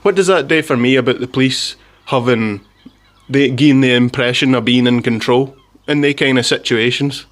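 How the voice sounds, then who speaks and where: A man's voice: mid-range voice, normal speed. A Scottish man telling a rambling story in a casual monologue, with frequent restarts and chuckles. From Scotland.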